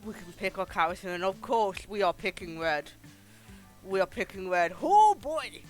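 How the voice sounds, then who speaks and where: The recording is rough and has music running underneath. The streamer, playing through a game live, uses a mid-range voice with lively intonation at a moderate pace, chatting and cursing casually and reading some game text out loud.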